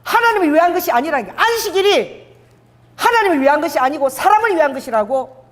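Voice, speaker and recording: A woman pastor preaching a sermon, with animated delivery that questions the congregation and calls for amen. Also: high-pitched, fast talker. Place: church sanctuary. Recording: long hall reverb in a church.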